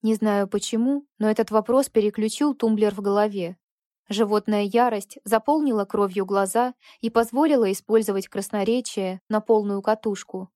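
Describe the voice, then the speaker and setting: A woman narrating a first-person story for an audiobook in a measured, intimate way. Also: medium pitch, fairly even intonation, mellow, dry recording, clean studio sound.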